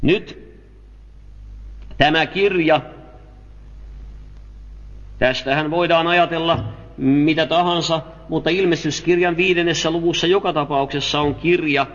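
A man with a fairly high voice delivers a sermon, reading scripture and explaining it in a measured, careful way. The audio is dull and lo-fi, with long reverb from a large hall. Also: fairly bright tone. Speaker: preacher. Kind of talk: Bible teaching sermon.

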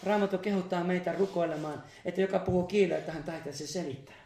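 Guy preaching, high gravelly voice, fervent, lots of hallelujahs, echoey church hall. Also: steady tone, dark tone, slight background noise. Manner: fervent, exclaims hallelujah, laughs between phrases. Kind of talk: charismatic sermon.

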